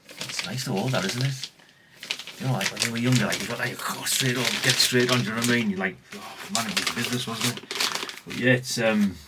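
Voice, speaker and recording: Over a noisy background, a middle-aged man who collects radios rambles casually in a vlog, speaking colloquially with a mid-range voice. He often tacks questions onto the ends of his remarks.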